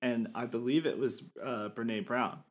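A man's voice: medium pitch, steady tone, moderate pace. A man co-hosting a podcast in casual chat, asking short, curious questions. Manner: brief, curious questions and backchannels. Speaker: podcast co-host.

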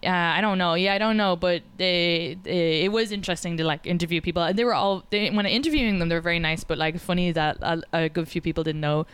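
Irish female comic, casual talker, lowish pitch, fillers galore. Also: steady tone, fast, few pauses, a bit bright, clear, resonant tone, dry recording. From Ireland. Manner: chatty, lots of fillers and quoted asides. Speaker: guest comedian. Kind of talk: casual podcast chat.

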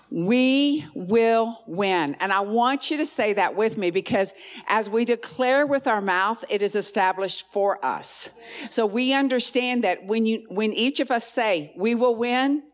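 A woman with a lilt speaks from a conference stage with charismatic fervor. She builds to emphatic, rallying declarations in a voice of everyday middle pitch. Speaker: women's ministry speaker. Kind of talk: charismatic church talk.

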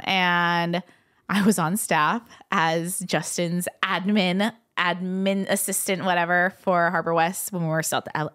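Chatty woman with a lowish voice. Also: fairly bright tone, clear, resonant tone. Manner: chatty, fills speech with "like". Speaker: podcast guest. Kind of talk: casual personal storytelling.

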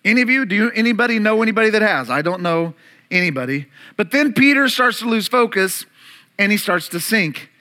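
Pastor guy preaching, high bright voice, super animated storytelling, jokes at the crowd. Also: brisk. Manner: animated, dramatic storytelling with playful asides to the congregation. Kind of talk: sermon. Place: church service before a congregation.

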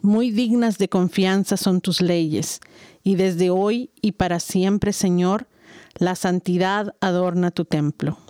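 A woman reciting a psalm slowly and solemnly. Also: lowish voice, steady tone, dark tone, smooth, no echo, studio quality. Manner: slow and solemn. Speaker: psalm reader.

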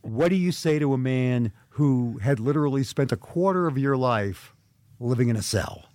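A man's voice: mid-range voice, lively intonation, normal speed, a little mellow, dry recording. A middle-aged man speaking as an author in an interview, earnest and reflective, often restarting his sentences. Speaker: author and guest. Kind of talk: interview conversation.

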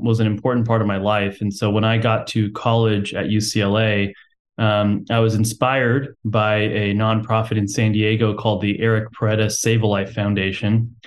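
A young man from Texas, a company co-founder, talking casually as a podcast guest with lots of "um"s and a self-deprecating humor. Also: lowish voice. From Texas, USA.

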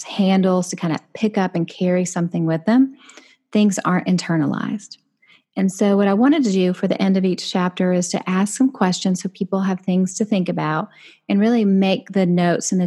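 In a relaxed interview, an author and business coach chats with lots of animation, her voice leaping up high whenever she acts out quoted thoughts.

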